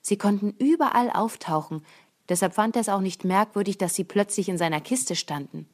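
Female storybook narrator, calm even delivery, medium pitch. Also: a little fast. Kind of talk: storybook reading.

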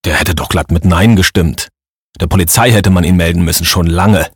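A man voicing a coarse, blustering middle-aged village man who mocks loudly in a husky voice. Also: sits low, moderate pace, no room sound, studio quality. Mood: scornful. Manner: blustering, mocking, raised voice.

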